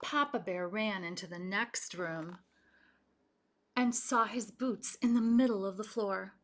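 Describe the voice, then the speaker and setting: A woman reads a children's story aloud with expression, addressing young listeners directly and animatedly with questions. Her voice is mid-range and a little slow, with a little hiss or hum in the audio.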